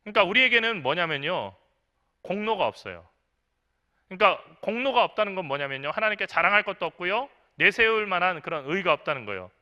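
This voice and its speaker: A man's voice: sits high, lively intonation, a little fast, pushed and bright, dull audio. A middle-aged man, a senior pastor, preaching a sermon in a conversational way, asking the congregation questions and acting out quotes. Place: church.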